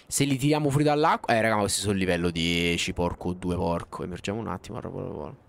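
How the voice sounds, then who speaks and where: A man's voice: deep voice, fast, gravelly, a little hiss or hum. A man casually commenting on his gameplay live, slangy and talking to his chat. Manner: animated, slangy, talks to chat. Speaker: streamer. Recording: faint background music.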